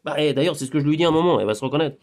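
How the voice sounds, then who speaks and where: A man talks in a loose, rambling monologue, addressing someone who isn't there. His voice drops to quiet muttering, then jumps up into lively exclamations. He sounds like a hypnotherapist chatting casually indoors. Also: fairly high pitch, rapid-fire. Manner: animated, talks to an unseen friend, swings from muttering to exclaiming.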